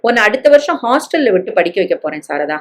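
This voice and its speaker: A woman voicing a troubled working mother who speaks to her daughter with deep feeling. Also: sing-song, fast, close to an everyday voice. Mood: gentle. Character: grieving, furious working mother.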